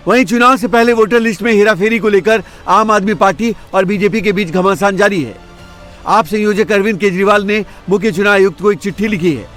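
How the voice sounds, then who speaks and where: A man's voice: sits high, a little fast, a bit bright, faint music behind. A man reading scripted news narration.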